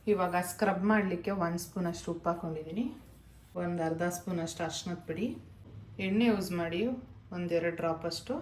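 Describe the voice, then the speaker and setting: A woman with a Kannada accent giving plain, practical step-by-step cooking instructions in her home kitchen. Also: lowish voice. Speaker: home cook demonstrating. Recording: echoey kitchen with cooking noise.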